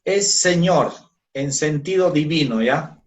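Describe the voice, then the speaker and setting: A man teaching a Bible class on Christology, who keeps checking in with his students by asking "¿ya?" and "¿no?". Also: fairly high pitch. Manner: slow, checks in with "¿ya?" and "¿no?".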